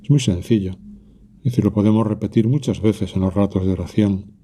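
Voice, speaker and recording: A man leading a spoken prayer meditation, calm and reflective, speaking directly to Jesus with pauses. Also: on the low side, slight background noise.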